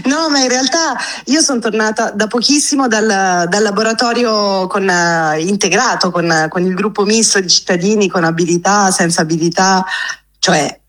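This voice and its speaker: A woman's voice: mid-range voice, moderate pace. A woman calling in over a phone on speakerphone, telling an anecdote in a chatty way with fillers and restarts. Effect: heard over a phone on speakerphone. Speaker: phone-in guest. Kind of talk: casual anecdote told on air.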